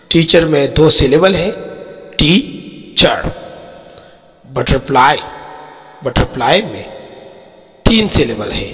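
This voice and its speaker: A man with a Pakistani accent teaching a school textbook lesson, explaining slowly, word by word. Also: a little high, fairly bright tone, big-room sound, rough recording. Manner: slow, drawn-out word-by-word explanation.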